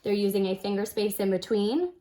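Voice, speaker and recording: A woman with a brisk, dark-toned, mid-range voice demonstrates a kindergarten reading lesson. For her young learners, she patiently models examples and breaks things down step by step in simple phrases.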